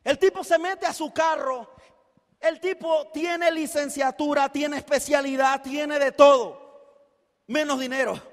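Man, very high voice, lively motivational speaker acting out stories; reverberant hall. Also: a little slow. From Costa Rica. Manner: animated, acts out dialogue, often shouts. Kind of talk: energetic stage storytelling. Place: large hall before a live audience. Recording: echoey hall with long reverb.

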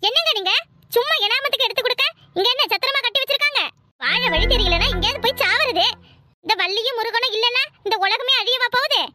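A woman's voice: extremely high pitch, fast talker, pushed and bright, no room sound, clean studio sound. A woman voicing a cruel, stingy landlady who scolds with scorn in a cartoon. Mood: scolding. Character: cruel, stingy rich landlady, sharp-tongued.

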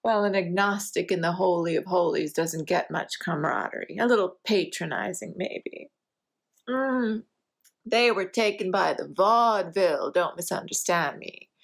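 A woman's voice: fairly low pitch, normal speed, gravelly. A woman performing a theatrical monologue as a wry, hard-drinking middle-aged woman, sardonic and self-mocking.

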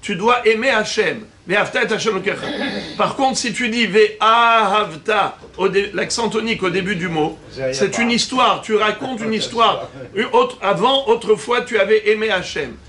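Man, rabbi, religious lesson, high voice, bright tone, patient explanations. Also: expressive. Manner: explanatory, spells out Hebrew terms slowly.

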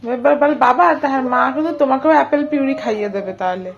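High-voiced Bengali mother coaxing a toddler. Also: animated, quick pace, dull audio. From India. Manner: coaxing, sing-song talk to a small child. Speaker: vlogger and mother. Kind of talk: casual home vlog talk to a toddler.

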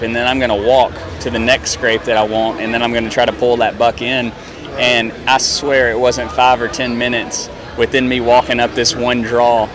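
A young man hosting a casual interview, upbeat and quick to agree. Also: mid-range voice. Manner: upbeat, agreeable, frequent short affirmations. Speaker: hunting show interviewer. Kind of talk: casual interview at a trade show booth. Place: busy trade show hall, indoors. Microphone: handheld mic. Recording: noisy crowded trade show hall. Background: crowd chatter.

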